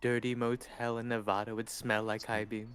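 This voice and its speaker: A man's voice: medium pitch, monotone, moderate pace, fairly bright tone, clean tone, soft background music. A man in casual comedic banter.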